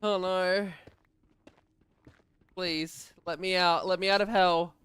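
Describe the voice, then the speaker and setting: A young man streaming a game, chatting casually, often laughing and breaking into frustrated shouts. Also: high voice, level tone, takes it slowly, clean tone, no echo. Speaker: gaming streamer. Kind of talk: casual gaming chat.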